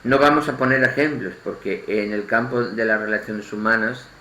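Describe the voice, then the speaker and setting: A man from Spain with a Spanish accent giving an informal spoken sermon, halting and restarting his phrases and repeating words as he goes. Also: on the low side, pushed and bright, slight background noise. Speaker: lay preacher. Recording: echoey room, faint ambience.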